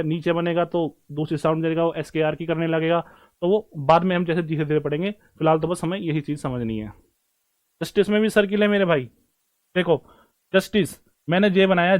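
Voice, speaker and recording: A man with a light, high voice runs a live online stenography lesson, addressing students as brothers and friends. His casual, informal manner is relaxed and repetitive as he demonstrates how to write each shape step by step.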